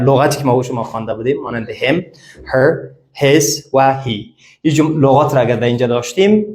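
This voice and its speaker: A man's voice: mid-range voice, darkish tone, roomy sound. A man teaching English to a class, explaining step by step and repeating each example phrase several times. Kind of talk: classroom language lesson.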